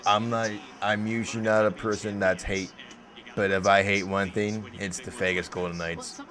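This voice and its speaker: A man hosting a live hockey watch-along, reacting casually to the game and chatting with viewers by name, swinging between low mumbling and sudden loud outbursts, often profane. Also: flat delivery, normal speed.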